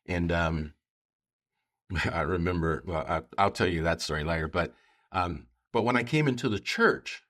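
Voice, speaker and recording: Deep-voiced man, earnest and conversational. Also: normal speed, a bit bright. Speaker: pastor. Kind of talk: conversational podcast talk with storytelling.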